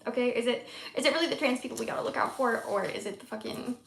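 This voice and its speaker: A woman streamer gives rambling, swear-laced live commentary while reacting to a video. Her voice sits slightly high with a gravelly edge. The sound is echoey, with a faint hiss behind her. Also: fast. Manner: rambling, swears, many "like" fillers. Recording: echoey room, faint noise.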